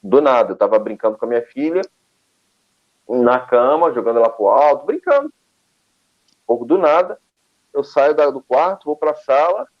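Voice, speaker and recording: A man from Brazil, a guest telling a personal story in casual talk, animated and acting out quoted dialogue with many restarts. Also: medium pitch, moderate pace, pauses often, muffled recording.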